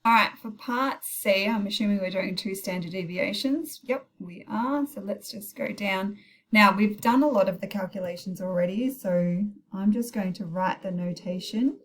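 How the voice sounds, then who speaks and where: At a normal speed and in a mid-range voice, a woman teaches maths in an informal recorded tutorial. She thinks aloud through the calculator steps, correcting herself and briefly apologizing as she goes. Heavy rain pours outside during the recording.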